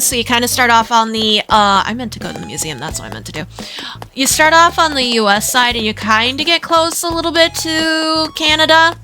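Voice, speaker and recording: Minnesotan woman streamer, high-pitched, giggly casual chatter. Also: pushed and bright. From Minnesota, USA. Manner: chatty, giggly, rambling aside to chat. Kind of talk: casual game-stream chat.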